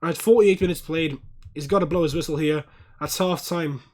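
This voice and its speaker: Young man, football watchalong streamer, casual chat, swears a lot, swings into loud angry rants. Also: fairly quick. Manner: swears a lot, erupts into angry high-pitched rants at fouls.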